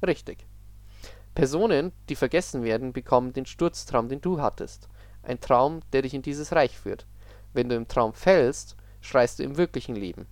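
A man voicing a sad, weary male creature from a dream realm, speaking softly and with subdued sighs in a horror story reading. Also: medium pitch, animated, normal speed, dry recording, lightly acted. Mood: somber.

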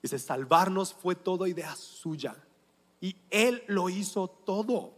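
A man's voice: sits high, lively intonation, slow, fairly bright tone, in a large hall. A man with a Mexican accent, a pastor preaching a sermon in a casual, joking way full of slang.

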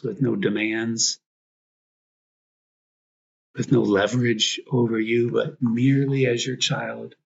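A male priest guides a meditation in a gravelly, husky, medium-pitched voice, speaking reflectively in short, prayerful phrases. The recording sounds slightly dull.

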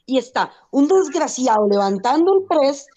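A Costa Rican woman on a podcast, chatting casually and putting her points bluntly and emphatically. Her voice is high, and the recording sounds dull and muffled. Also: very animated, moderate pace, mellow. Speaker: podcast guest. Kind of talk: casual chat.

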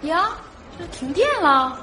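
A woman with a Northeastern Chinese accent playing a jumpy young woman who has just rented a flat, speaking briskly and bossily on a live stage. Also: high voice. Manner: brisk, bossy, easily startled. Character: jumpy young woman renting the flat, fleeing a jealous boyfriend. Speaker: sketch comedy actress. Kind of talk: stage comedy sketch. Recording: live stage with audience noise. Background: audience laughter.

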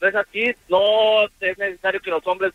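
A man's voice: sits high, flat delivery, normal speed, no echo. A man calling in to a radio show, chatty and flirtatious. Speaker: caller. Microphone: phone. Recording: dry muffled phone line.

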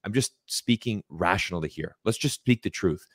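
An American man in his forties speaks in a lowish voice, pressing his points with emphatic repetition and frequent restarts. The recording is close and dry, with no room sound. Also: lively intonation, normal speed, no echo. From United States. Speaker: guest commentator. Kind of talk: casual interview talk.

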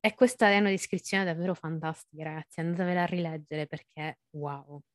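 Woman podcast host chatting about a book, lowish voice, laughs a lot, dry sound. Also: fairly even intonation, a little fast, dry recording. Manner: chatty, laughs often, stumbles and restarts. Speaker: podcast host reading and discussing a novel. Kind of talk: casual book-club chat with read-aloud passages.

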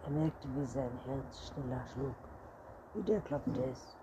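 A man narrating a children's story aloud in a lively reading style. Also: mid-range voice, takes it slowly. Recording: noisy recording.

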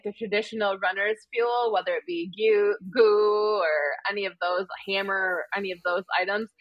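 A woman with a Wisconsin accent chats easily as a podcast guest, filling her sentences with ums and likes. Her voice sits at a middle pitch and comes through a somewhat dull, dry, lo-fi recording. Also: no room sound. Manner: chatty, frequent ums and likes. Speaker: podcast guest, marathon runner. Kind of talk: casual interview chat.

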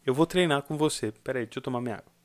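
A man's voice: medium pitch, racing. A young Brazilian man giving a casual singing lesson, explaining and singing short demo phrases. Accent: Brazilian Portuguese. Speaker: singing teacher.

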